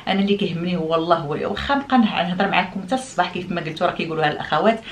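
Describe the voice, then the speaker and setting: Middle-aged Moroccan-accented woman, vlogger, chatty explainer, talks very fast in a lowish voice. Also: a little hiss or hum. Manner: chatty, explaining and demonstrating, French words mixed in. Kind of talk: casual chat to viewers.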